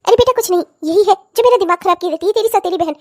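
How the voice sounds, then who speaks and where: A cartoon stepmother, voiced by a woman, scolds and curses at a rapid clip. Her voice sits very high and shrill, with a nagging edge. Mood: doting. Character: harsh scolding stepmother, middle-aged woman. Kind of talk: cartoon voice acting.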